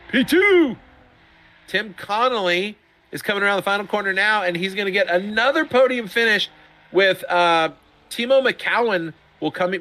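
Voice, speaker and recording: A middle-aged man giving chatty, excitable sim racing commentary, often laughing. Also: on the high side. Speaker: race commentator.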